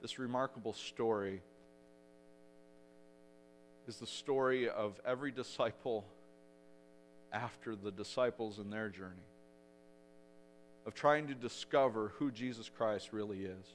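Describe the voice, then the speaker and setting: A man preaching a sermon as pastor, retelling the story dramatically and growing loud for the shouted quotes. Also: fairly low pitch, unhurried, long pauses, a little hiss or hum.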